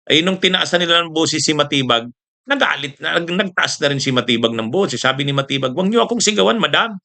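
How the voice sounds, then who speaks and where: A man's voice: fairly high pitch, fairly quick, pushed and bright. A Filipino man hosting casual political commentary, chatty, with laughing asides and rhetorical checks to his audience.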